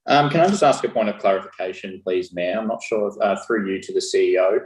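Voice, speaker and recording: A man's voice: deep voice, quick pace. Tentative man councillor in an echoey room. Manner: tentative, filler-heavy questioning. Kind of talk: council meeting question.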